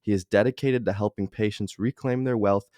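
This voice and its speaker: A man's voice: fairly low pitch, fairly even intonation, fairly quick, a little mellow, no room sound, studio quality. A male podcast co-host delivering a scripted introduction in an upbeat, announcer-like read.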